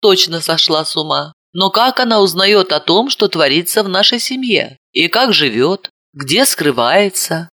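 A woman voicing a usually calm, weary young woman who muses with a sigh. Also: lowish voice, a little slow, hardly any pauses, no echo, studio quality, heavily acted. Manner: sighing, musing.

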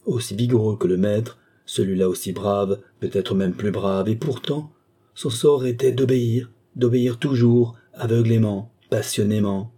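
A man narrating an audiobook of a fantastic tale in a measured, even way. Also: on the low side, slightly rough.

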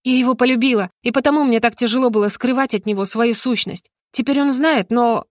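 Woman voicing a sad, gentle young friend. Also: fairly high pitch, fairly quick, no room sound, clean studio sound, lightly acted. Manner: soft, sighing.

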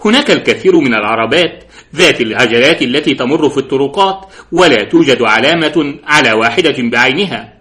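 A man's voice: medium pitch, animated, fairly quick, bright, forceful tone. A man voicing a cautious, rule-bound male police inspector who raises respectful objections. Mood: doubtful.

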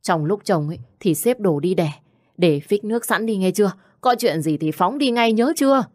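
A woman's voice: medium pitch, expressive, moderate pace, no room sound, clean studio sound, pitched above the performer's own voice, lightly acted. A woman voicing a panicked old village father. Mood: anxious. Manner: pleading, crying out in panic. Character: desperate poor old village man, father.

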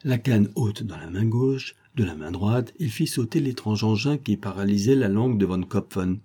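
Man reading a novel, husky dark voice. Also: on the low side, lively intonation, normal speed. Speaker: audiobook reader. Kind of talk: scripted narration.

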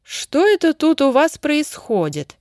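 Middle-aged mother in a storybook, voiced higher and anxious, asks rapid questions, by a woman. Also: big pitch swings, a little mellow, no echo, studio quality. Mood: surprised.

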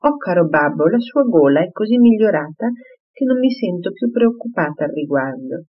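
A reader voicing a gentle, earnest young mother in an audiobook, reassuring her father. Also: fairly low pitch, big pitch swings, moderate pace. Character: gentle devoted young mother, anxious daughter. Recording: slightly muffled recording.

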